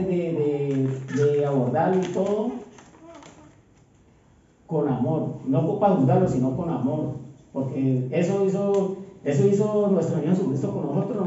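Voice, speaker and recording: A man's voice: high voice, warm tone. A man preaching a sermon in a church, often checking in with his listeners with a rhetorical "¿sí?". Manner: reads scripture slowly with stress. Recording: echoey church hall, distant dull mic.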